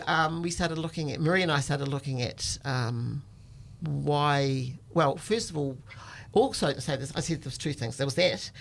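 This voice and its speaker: An older New Zealand woman, an activist appearing as a storytelling guest, shares personal stories in a low, gravelly voice. She talks informally and reflectively, like in a conversation, often saying "you know."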